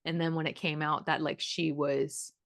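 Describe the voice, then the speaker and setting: A woman's voice: deep voice, little pitch movement, moderate pace, no room sound, studio quality. A woman in her late twenties co-hosting a true-crime podcast, chatting casually with lots of fillers and restarts. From Florida. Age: late 20s. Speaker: podcast co-host.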